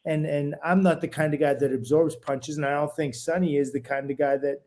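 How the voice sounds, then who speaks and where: A man's voice: on the high side, fairly even intonation, brisk, dark tone. A man, a former boxer, co-hosting a boxing talk show, explaining at length with many restarts. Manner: rambling, restarts mid-sentence, explanatory. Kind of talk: casual boxing chat.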